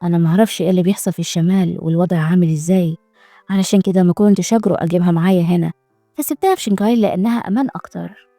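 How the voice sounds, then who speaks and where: A woman's voice: lowish voice, very fast, dark tone, no room sound, clean studio sound, faint music behind, voice pushed down, lightly acted. A woman voicing an earnest young male marshal with an Egyptian Arabic accent, speaking in a worried tone. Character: devoted young military marshal.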